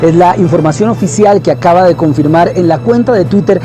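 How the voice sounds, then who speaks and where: A male news correspondent delivers a formal broadcast report in a measured way. His voice sits high for a man. Clear news music plays beneath him.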